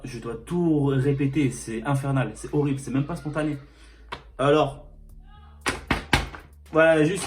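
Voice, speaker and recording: Young man, casual vlog, crude jokes, rambling fillers, phone camera, faint guitar music behind. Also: medium pitch. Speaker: vlogger. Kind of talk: casual storytime and clothing haul.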